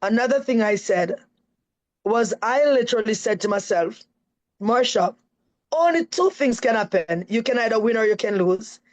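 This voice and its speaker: A woman's voice: on the high side, lively intonation, normal speed, rough recording. Emphatic Jamaican woman telling her story. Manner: earnest and emphatic, often adds "right?". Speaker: interview guest. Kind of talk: live-stream interview, telling her story.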